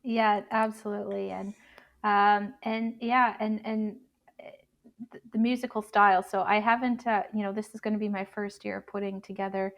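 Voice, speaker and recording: A Canadian woman in her thirties, a bagpiper chatting as an interview guest, halting with many restarts. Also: medium pitch, little pitch movement, vocal fry. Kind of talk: casual interview chat.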